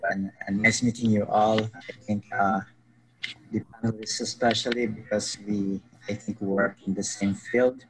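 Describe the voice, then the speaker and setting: A man's voice: on the low side, little pitch movement, measured pace, background noise. A man from the Philippines, a psychologist speaking politely and hesitantly on a video call. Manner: polite, hesitant, many filler sounds. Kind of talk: casual panel talk.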